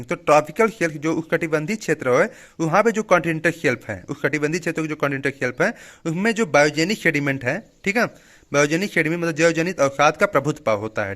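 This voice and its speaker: A man's voice: fairly high pitch, a bit bright. Man lecturing with repeated "okay" check-ins. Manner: explains each term twice, frequent "theek hai" check-ins. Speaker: teacher. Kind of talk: Hindi classroom lecture mixed with English terms.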